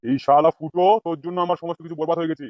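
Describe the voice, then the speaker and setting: A man voicing a vengeful male politician in a comic cartoon, spitting out rapid threats at his captive. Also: a little high, fairly even intonation, muffled recording, noisy background. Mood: menacing.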